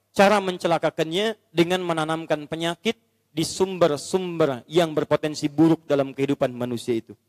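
Brief: a high-pitched man preaching a sermon, lively storyteller, with a long hall reverb. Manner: animated storytelling, acts out the characters. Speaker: Islamic preacher.

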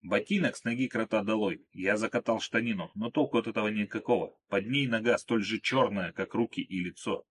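A man reads a first-person audiobook in a calm, measured way. His voice sits low and sounds husky. The telling stays even and unhurried. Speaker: audiobook narrator.

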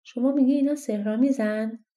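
A woman voicing Jack, a carefree and hopeful young boy in a storybook, eager and quick to protest. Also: fairly high pitch, mellow, pitched above the performer's own voice, close to an everyday voice. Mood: excited.

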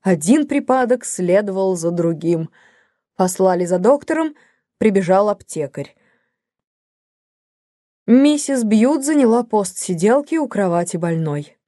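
Female narrator, mellow and measured, dry close recording. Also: medium pitch, lively intonation, dry recording. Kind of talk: audiobook narration of a classic novel.

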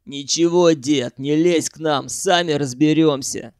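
A male narrator voicing a rough, hot-headed man who hunts in the sewers, talking coarsely and mockingly and swearing freely. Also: a little high, measured pace, a little mellow, no room sound, studio quality, close to an everyday voice. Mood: scornful.

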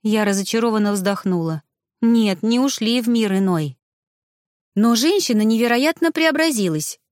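A woman reading a first-person fantasy novel aloud, expressive storytelling. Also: on the high side, moderate pace, dry recording, studio quality. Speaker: narrator. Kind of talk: first-person audiobook narration.

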